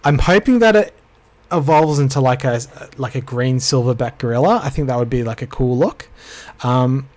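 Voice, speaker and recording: A man's voice: medium pitch, normal speed, a little mellow. Rambling man, casual podcast chat. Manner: rambling, self-deprecating, trails off with fillers. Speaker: podcast co-host.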